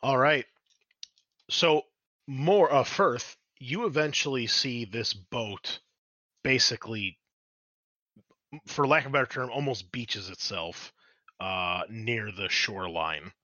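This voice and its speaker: A man's voice: medium pitch, takes it slowly, pauses often, sharp tone, no room sound, muffled recording. A man narrating scenes as game master in a descriptive, rambling way. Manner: descriptive, with frequent fillers and restarts.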